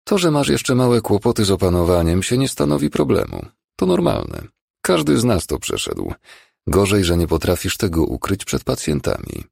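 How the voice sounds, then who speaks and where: A man voicing a calm, firm emergency doctor in an audiobook. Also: sits low, normal speed, gravelly, husky, dry recording, clean studio sound, pitched above the performer's own voice, full character voice. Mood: lecturing.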